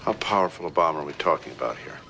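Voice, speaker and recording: An actor playing a principled president in a crisis, speaking with measured authority. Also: male voice, a bass voice, animated, gravelly, bright, forceful tone, faint music behind, exaggerated voice. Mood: grave. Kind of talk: TV disaster film acting.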